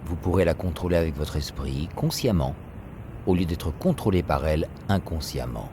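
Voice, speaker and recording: A man reading a scripted guided meditation, giving calm, measured instructions. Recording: steady rumbling noise behind voice. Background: ocean wave sounds.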